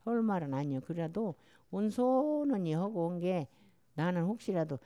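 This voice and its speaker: A woman's voice: fairly low pitch, animated, moderate pace, mellow. An older woman from Jeolla with a strong Jeolla dialect, chatting in a rambling, storytelling way as an interviewee. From Jeolla, Korea. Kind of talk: casual chat.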